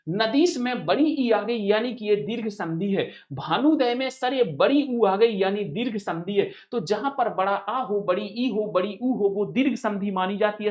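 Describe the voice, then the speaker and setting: A man's voice: sits high, dull audio. A man teaching an exam-prep grammar lesson, repeating each point and asking and answering his own questions while calling viewers brother. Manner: addresses viewers familiarly as brother.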